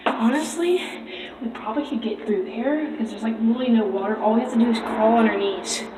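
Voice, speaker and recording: A young woman speaking in a nervous, excitable, slangy way while vlogging a night tunnel exploration. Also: fairly high pitch, brisk. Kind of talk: casual night exploration vlog. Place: inside an underground tunnel at night. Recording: echoey tunnel, noisy, distant from mic.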